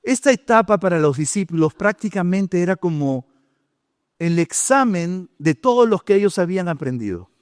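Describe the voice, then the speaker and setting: A man with a Peruvian Spanish accent preaching a sermon in a church, telling stories with lively, dramatic delivery. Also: sits high, moderate pace, clear, resonant tone, no echo, studio quality. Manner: animated storytelling preacher, shouting out quoted lines. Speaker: pastor. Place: church hall.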